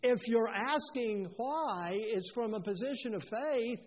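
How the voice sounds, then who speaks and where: A man's voice: very high voice, lively intonation, takes it slowly, lo-fi sound. A male pastor preaching a sermon, earnest and building to fervent moments. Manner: earnest preaching, rises to fervent scripture quotes.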